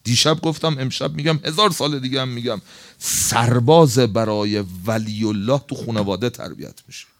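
A man preaching a sermon to a gathering, telling a story in a colloquial, impassioned way and swinging between loud, high emphasis and low asides.

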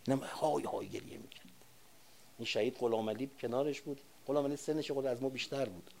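An older man giving a sermon, moving between quiet personal recollection and loud, emphatic preaching. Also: medium pitch, creaky. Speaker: religious speaker. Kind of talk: sermon with personal war memories.

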